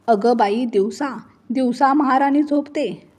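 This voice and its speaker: A woman's voice: on the high side, measured pace, a little mellow, husky. A woman doing a nagging older mother-in-law. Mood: scolding. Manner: scolding, taunting. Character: sharp-tongued older mother-in-law, always grumbling.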